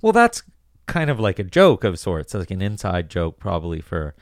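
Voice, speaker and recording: A man co-hosting a casual film podcast, chatty and quick to laugh, often asking clarifying questions. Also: low-pitched, huge pitch swings, no echo, clean studio sound. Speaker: podcast co-host.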